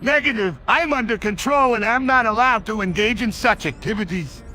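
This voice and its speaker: Metallic robotic male robot, as a man plays it, obedient, formal, high voice, bright tone. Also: moderate pace, slight background noise. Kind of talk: AI-generated cartoon dialogue.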